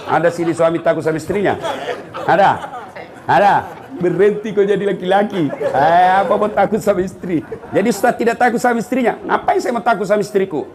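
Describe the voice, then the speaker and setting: Some faint crowd noise sits behind a middle-aged man preaching a comedic sermon in a high, brisk voice. Animated and teasing, he calls out to the congregation.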